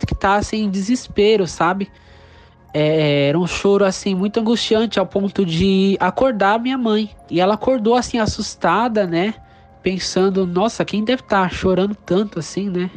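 A Brazilian Portuguese-accented podcast storyteller with a middle-pitched voice recounts a spooky family account in a relaxed, rambling way. The telling leans on fillers and tag questions. Soft music plays faintly underneath. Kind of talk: casual spoken retelling of a paranormal account.

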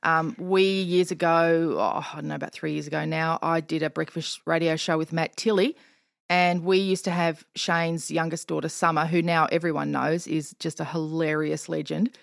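A woman's voice: low voice, normal speed, vocal fry, no echo. An Australian woman chatting casually as a podcast guest, telling stories with lots of laughter. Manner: animated storyteller, laughs often. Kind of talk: casual chat. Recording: dry studio sound.

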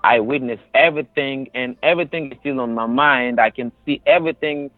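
A resettled refugee born in the Democratic Republic of the Congo and raised in a Tanzanian refugee camp gives earnest personal testimony as an interview guest, speaking emphatically and often repeating phrases in a Congolese accent. His voice is medium-pitched and fairly quick. The dry recording sounds narrow and phone-like, with soft music underneath.

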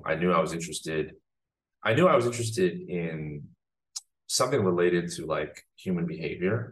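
A filmmaker from the United States, appearing as a guest in a casual interview, speaks reflectively with many pauses. His voice is extremely low and a bit bright, and the audio is poor.

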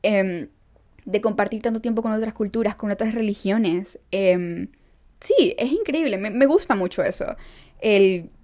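A young woman talks casually to her followers in a mellow, warm voice. She is emphatic and chatty and laughs easily between points. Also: medium pitch, lively intonation, unhurried. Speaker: vlogger. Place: Los Angeles.

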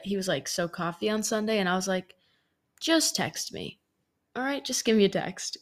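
A woman in her twenties, a podcast host, telling a story in a chatty way with lots of filler words. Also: medium pitch. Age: 20s. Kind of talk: casual storytelling monologue.

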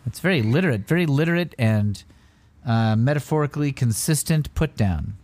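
A man's voice: mid-range voice, lively intonation, moderate pace, darkish tone. A man co-hosting a podcast, chatting casually and wryly about a comic book. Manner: chatty, wry, loose with fillers. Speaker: podcast co-host.

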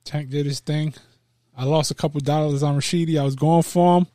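A man co-hosting a podcast, chatting casually about boxing in a relaxed way. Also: fairly high pitch, brisk, no echo, studio quality. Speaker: podcast co-host.

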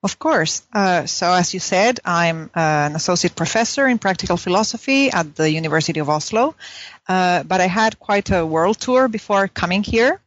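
A philosophy professor from southern Chile, a native Spanish speaker with a Chilean accent, tells her own story as an academic guest in a conversational interview. Her voice is on the low side and expressive, at a moderate pace. The recording has no room sound and dull audio.

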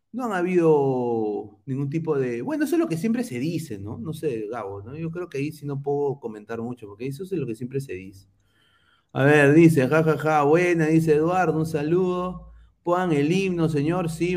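Teasing football podcast host. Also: male voice, fairly high pitch, animated, moderate pace, a little mellow. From Peru. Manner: teasing, mocking rival fans. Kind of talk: casual football podcast chat.

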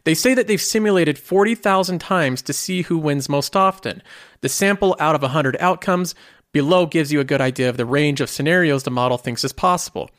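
A man's voice: on the high side, a little fast, fairly bright tone, dry recording, clean studio sound. A man hosting a finance video, explaining in scripted commentary and posing rhetorical questions.

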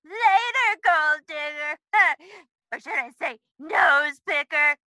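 A woman's voice: sits high, expressive, slow, background noise. A woman trading sassy, taunting lines in a comedic radio sketch.

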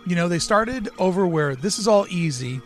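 A man with a slightly high voice hosts a talk show, moving between commentary and conversation. Music sits faintly behind his speech. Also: animated, normal speed. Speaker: show host. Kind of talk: scripted commentary and casual interview chat.

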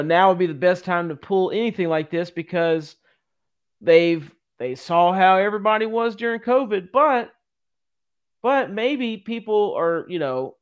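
A man's voice: high-pitched, highs cut off. A man co-hosting a podcast, chatting casually and joking often. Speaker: podcast co-host. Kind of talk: casual chat.

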